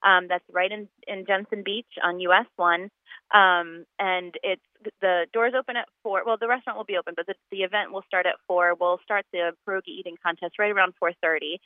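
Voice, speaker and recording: A Polish-born woman calls into a radio interview as a guest, chatting casually about fundraiser events with many ums and restarts. Her voice is on the low side with fairly even intonation and a fairly quick pace. The phone line sounds tinny, with no echo.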